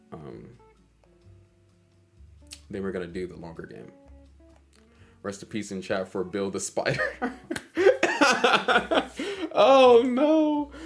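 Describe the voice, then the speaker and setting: A man, streaming a casual chess lesson, joking with his chat in a hyper way. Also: fairly low pitch.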